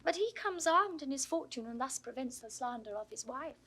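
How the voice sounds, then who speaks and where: High, lively, teasing Rosalind. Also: female voice, slightly rough, heavily acted. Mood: flirtatious teasing. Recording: 1960s studio audio drama recording.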